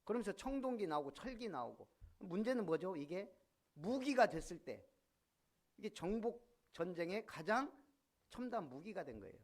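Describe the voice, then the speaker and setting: A man's voice: high-pitched, moderate pace. A male pastor preaching a sermon, often putting questions to the congregation. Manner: animated, asks the congregation questions. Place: church sanctuary.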